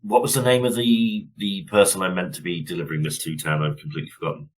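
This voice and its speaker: A man's voice: low voice, steady tone, quick pace, poor audio. A man playing at a tabletop game, chatting casually and a bit hesitantly. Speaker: player.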